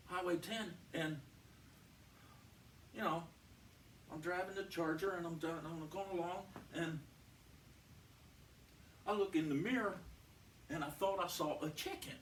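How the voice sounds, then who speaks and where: Here the comedian's voice is a little high, bright and forceful as he spins a lengthy, meandering joke in a folksy style, restarting often and using fillers. There's a little hiss or hum, and the distant mic picks up a roomy space with faint ambience.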